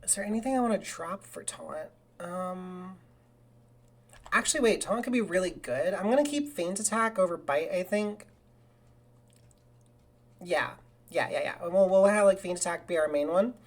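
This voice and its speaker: A woman talking casually through a live game stream, with a voice sitting a bit low for a woman. She rambles along and now and then breaks into excited cheering. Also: moderate pace, long pauses. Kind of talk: casual live gaming commentary.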